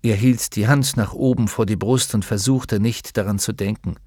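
A man's voice: on the low side, steady tone, normal speed, a little mellow, dry recording. Man reading a storybook, dry close sound. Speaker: audiobook narrator. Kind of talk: scripted narration.

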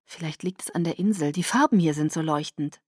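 A woman's voice: deep voice, a little fast, a little mellow, slightly rough, no echo, studio quality. A woman voicing a yearning young woman, tearful with a breaking voice. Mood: dreamy.

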